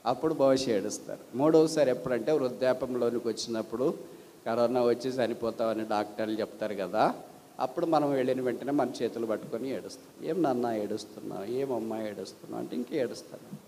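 A man's voice: medium pitch, brisk, dark tone, slight background noise. A male pastor preaching a sermon, asking rhetorical questions and giving homely everyday examples. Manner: switches briefly into English glosses. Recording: long hall reverb.

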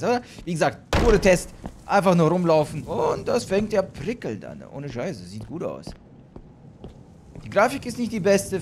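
A man commenting on a horror game he is playing, excitable and swearing, shrieking when scared. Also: fairly high pitch. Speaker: let's play host. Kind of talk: gaming commentary.

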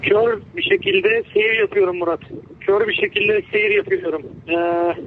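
A man, a ship's engineer, calling in over a ship's radio link, injured and shaken, talking haltingly and repeating himself with many fillers. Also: high-pitched, steady tone. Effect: heard over a crackly ship's radio link. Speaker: ship's engineer on a hijacked vessel. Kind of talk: emergency radio call. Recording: tinny radio line with faint noise.

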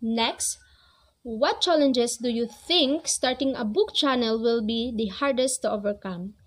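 A book vlogger in her twenties, not a native English speaker, talks earnestly about reading to a close-range camera at a measured pace. Her voice is a little high, and she's in a small, cozy bedroom lit with string lights.

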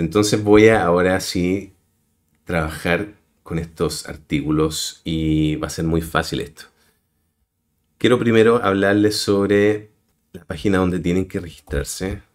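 A man hosting a screen-recorded web tutorial, explaining step by step and addressing his viewers directly. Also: sits low. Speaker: tutorial host. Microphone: voice-over on a screen recording.

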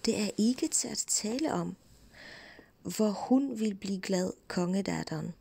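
A woman's voice: medium pitch, vocal fry, warm tone, breathy edge, no echo. Woman doing a gleeful, boastful peasant lad. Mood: proud. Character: cheerful foolish young peasant lad.

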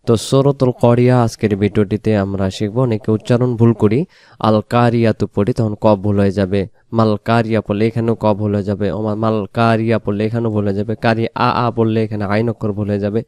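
A man teaching Quran recitation, who explains quickly and then chants each verse slowly and loudly. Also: lowish voice, dry recording. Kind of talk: Quran recitation lesson in Bengali.

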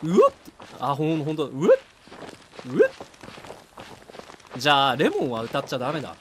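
Young male streamer, casual chat, very animated pitch, jumpy yelps, noisy background. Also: normal speed. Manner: jumpy, breaks into loud yelps and laughter. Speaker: game streamer.

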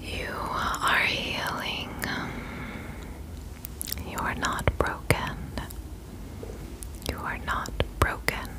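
Very slow whispered pep talk from a woman. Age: 20s. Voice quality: breathy unvoiced whisper. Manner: soothing, slow, repeating short reassurances. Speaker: ASMR host. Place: indoor room at home.

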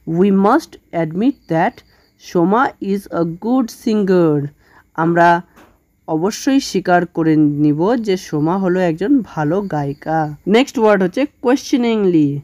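A woman teacher explains English vocabulary, reading each example sentence slowly and carefully before explaining it. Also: lowish voice, warm tone, no room sound. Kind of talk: classroom lesson explaining English words.

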